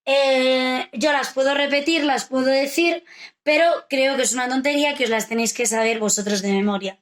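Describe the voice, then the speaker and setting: A woman's voice: high voice, moderate pace. A woman teacher, explaining a grammar and literature lesson to children and often checking they follow. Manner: explains patiently, asks rhetorical checks like "vale?". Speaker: primary school teacher. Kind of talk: recorded remote lesson for children.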